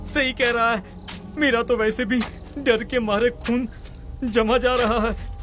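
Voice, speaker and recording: Man playing a scared young man, nervous, hurried, repeats words, very high voice, loud music behind. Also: flat delivery. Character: two frightened young men digging a grave. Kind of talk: Hindi audio story dialogue. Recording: voice over loud background music.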